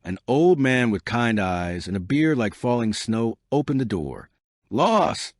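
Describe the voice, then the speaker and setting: Deep-voiced man narrating a bedtime story, expressively. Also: lively intonation, unhurried, darkish tone, no echo, studio quality.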